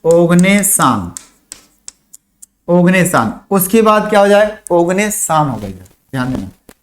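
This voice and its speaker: High-voiced man teaching chemistry mnemonics. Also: big pitch swings. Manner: drills mnemonics, repeats phrases slowly for dictation; asks and answers his own questions. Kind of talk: online classroom lesson.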